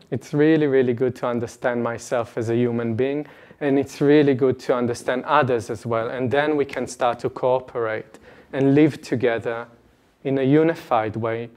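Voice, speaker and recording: A young man in his late twenties speaks earnestly to a live audience, animated and laughing lightly between points. His voice sits at an ordinary middle pitch and is picked up close by a lapel mic in an indoor meeting room. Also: normal speed. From Israel. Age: late 20s. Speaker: retreat speaker. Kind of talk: personal talk to a live audience.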